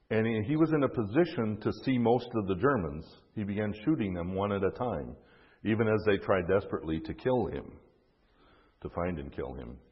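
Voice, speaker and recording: Husky low-voiced man telling history. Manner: casual, self-deprecating asides with fillers. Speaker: history storyteller. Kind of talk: casual history narration. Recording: dull, echoey recording.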